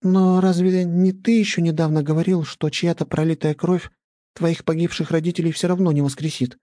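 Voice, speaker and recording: A man putting on a sharp-tongued red-haired girl. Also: fairly high pitch, little pitch movement, normal speed, no room sound, clean studio sound, voice pushed up, close to an everyday voice. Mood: reproachful. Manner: mocking, cutting.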